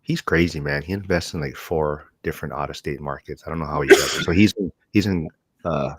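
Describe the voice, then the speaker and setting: Very deep-voiced male livestream host. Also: a little fast, a bit bright, slightly rough, no echo. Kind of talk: casual livestream chat.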